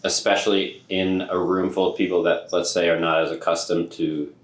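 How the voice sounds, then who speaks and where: A man's voice: deep voice, little pitch movement, normal speed. A man hosting a casual podcast conversation, thinking aloud in a reflective way with stammers and restarts. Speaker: podcast host. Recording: roomy echoey room.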